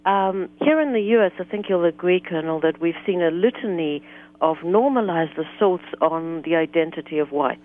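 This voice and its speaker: A woman from South Africa, a guest author speaking in an articulate, measured way during a political talk radio interview. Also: fairly low pitch. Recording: tinny phone line.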